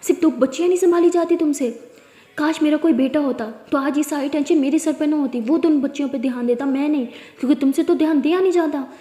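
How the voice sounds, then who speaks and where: Woman doing a shouting strict dad, angry middle-aged man, scolding, high voice, echoey room. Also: very fast, hardly any pauses, natural voice. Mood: furious. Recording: echoey room with long reverb.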